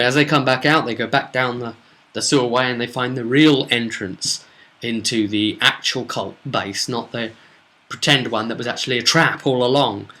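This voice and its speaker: A man with a mid-pitched, sharp, bright voice narrates a casual recap of a tabletop role-playing session as its game master. He tells the story informally, using dramatic emphasis to carry the action.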